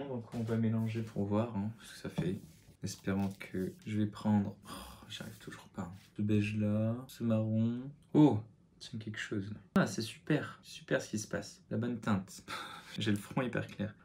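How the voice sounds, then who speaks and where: A young man talks through a makeup tutorial at home in a casual, self-mocking way. His voice sits a little low, and he keeps muttering and sighing under his breath about how it's turning out. A faint hiss sits behind him. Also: a little mellow. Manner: self-mocking, mutters and sighs at own mistakes. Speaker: makeup vlogger.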